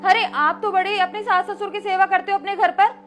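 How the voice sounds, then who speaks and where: A woman's voice: very high voice, steady tone, fairly quick, over music. A woman playing a lazy, cunning young daughter-in-law, talking in a sassy, dismissive way. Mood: irritated.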